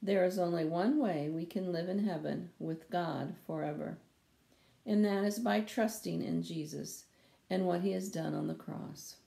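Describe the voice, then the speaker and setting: An older woman in her sixties reads a children's Bible lesson in a slow, measured way, fixing small slips as she goes. Her voice is low with a gravelly edge. The sound is echoey, as from a bare room at home on a laptop camera. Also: dark tone. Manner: slow, careful reading with small slips corrected. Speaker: children's Sunday school teacher. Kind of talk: reading a Bible lesson aloud. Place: small room at home, wooden door behind. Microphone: webcam or laptop camera at close range.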